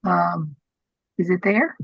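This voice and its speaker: A husky-voiced woman leads a formal meeting as chair, taking her time in a halting, procedural manner. Her voice is low and full of fry. The sound is dull and lo-fi, as on an online call. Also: no echo. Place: video call.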